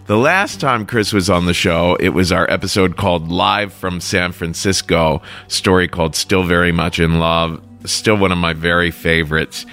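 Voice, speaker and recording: Bright-voiced man hosting, music behind. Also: on the low side. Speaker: podcast host. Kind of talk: scripted radio introduction.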